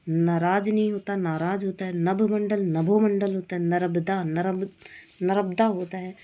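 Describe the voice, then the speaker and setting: A woman's voice: fairly low pitch, a little mellow. A woman teaching a Hindi exam-prep lesson with an Indian accent, steadily listing wrong and correct spellings. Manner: drills words, stating wrong then right spelling.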